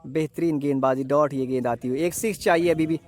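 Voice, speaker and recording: High-pitched excited male cricket commentator. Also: fairly quick. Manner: repeats stock phrases, announces each ball.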